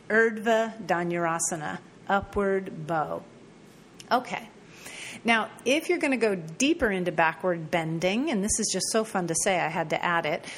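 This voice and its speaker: A woman yoga teacher giving a recorded lesson, repeating and spelling out terms slowly with casual asides. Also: on the low side, a little hiss or hum.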